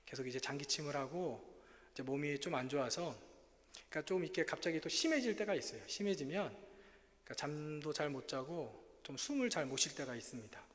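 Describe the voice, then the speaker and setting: A man's voice: fairly high pitch, animated, brisk, fairly bright tone. A missionary man giving an earnest, confessional sermon testimony in a church. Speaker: missionary preacher. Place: church sanctuary. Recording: reverberant church hall, faint ambience.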